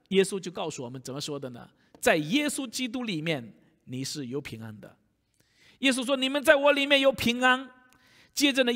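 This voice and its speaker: High, bright-voiced preacher in a reverberant hall. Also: male voice. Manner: rhetorical questions to the congregation. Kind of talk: sermon. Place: church sanctuary.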